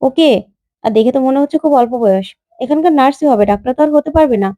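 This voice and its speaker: A confused young husband lying in a hospital bed, voiced by a woman, who asks bewildered, pleading questions. The voice is mellow and a bit high, and the sound is dry and close. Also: expressive, very fast, dry recording.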